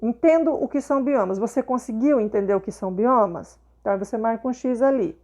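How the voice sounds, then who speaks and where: A woman's voice: a little high, quick pace, darkish tone. A woman teacher explaining a lesson to her pupils, patient and checking in with them often. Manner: patient, checks understanding with tags like "tá?" and "né?".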